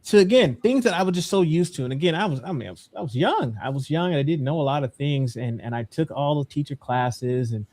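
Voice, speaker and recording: A man in his forties, a guest educator, answering a panel question in a reflective, measured way. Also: on the high side, lively intonation, darkish tone.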